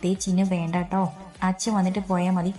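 A woman voicing an affectionate aunt who gently scolds a child. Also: lowish voice, level tone, moderate pace, soft background music, lightly acted. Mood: chiding. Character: fond, chiding aunt at home.

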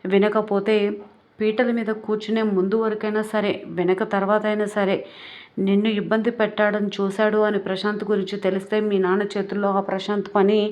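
A woman's voice: mid-range voice, little pitch movement, brisk, darkish tone, close to an everyday voice. A woman voicing a protective mother who firmly reassures her daughter. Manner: firm, reassuring.

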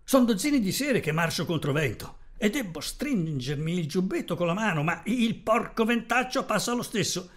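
A man voicing a tough, wry old partisan in a theatrical reading, telling his story with lively exclamations. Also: sits high, moderate pace, few pauses. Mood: joking. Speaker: reader voicing a character.

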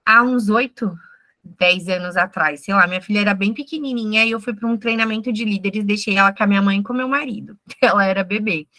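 Woman trainer, 30s, frank and energetic, bright dry video-call voice. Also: mid-range voice, fairly quick, no room sound. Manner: frank, energetic, fires off questions. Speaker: finance trainer. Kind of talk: online group class.

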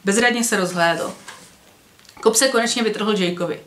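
Brief: book vlogger reading a novel aloud, mid pitch, roomy echo. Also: female voice. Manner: steady narration with occasional slips.

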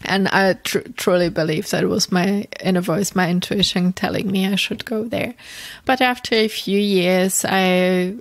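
A Czech woman in her thirties speaks in English with a Czech accent, slowly and with a flat, even melody. Her voice carries a gravelly fry, and it is recorded close and dry. She tells a personal story gently, often circling back and repeating phrases. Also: mid-range voice, no room sound. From Czech Republic. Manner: reflective, gentle, with frequent restarts and repetitions. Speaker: podcast host.

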